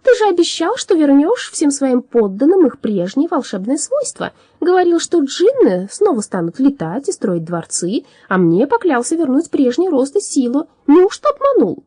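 A woman voicing a small, indignant male fairy creature in an audiobook, asking pointed, high questions. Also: sing-song, moderate pace, few pauses, warm tone, dry recording, clean studio sound. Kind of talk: audiobook character voice.

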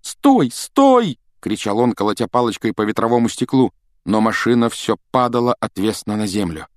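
Casting: deep-ish male audiobook narrator, dramatic storyteller, dry close studio sound. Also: steady tone, fairly quick, no echo. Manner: dramatic storytelling, voices characters. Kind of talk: expressive audiobook reading.

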